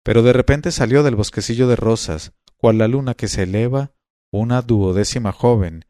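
A man narrating a classic tale in the first person, in a measured, unhurried reading style. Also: mid-range voice, warm tone, no room sound, clean studio sound. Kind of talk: storybook reading.

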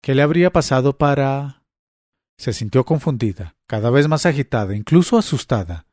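A man narrating a literary story as an audiobook, in a measured, quietly dramatic reading with light voicing of the characters. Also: mid-range voice, expressive, dry recording, clean studio sound.

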